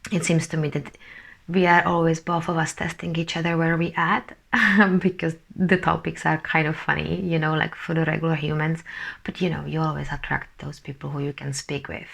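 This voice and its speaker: A woman giving a casual spiritual energy update as a channeller, talking haltingly, searching for words and often dropping to a soft whisper. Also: deep voice, little pitch movement, vocal fry, husky.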